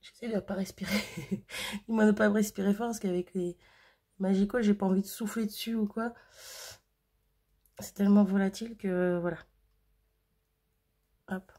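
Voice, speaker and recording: A woman's voice: mid-range voice, fairly even intonation, moderate pace, long pauses, warm tone. A woman hosting a crafting video, chatting casually and thinking aloud with fillers and little laughs as she works. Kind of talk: casual crafting tutorial chat.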